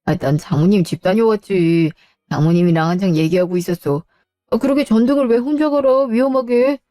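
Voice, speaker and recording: A woman's voice: medium pitch, brisk, mellow, no room sound, clean studio sound, close to an everyday voice. A woman voicing a grown son in a radio drama, an overworked civil servant who complains in a whiny, defensive way. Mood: concerned.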